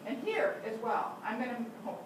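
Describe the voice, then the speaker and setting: A woman's voice: fairly high pitch, very animated, moderate pace. An older woman teaching a flute master class, giving encouraging instructions and frequent praise. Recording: echoey room, distant mic, loud noise.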